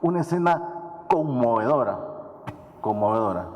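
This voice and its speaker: A man's voice: mid-range voice, lively intonation, a little mellow. Male judge giving a speech in a reverberant hall. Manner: dramatic, repetitive phrasing with slow emphatic pauses. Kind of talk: public speech telling a personal story. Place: large event hall.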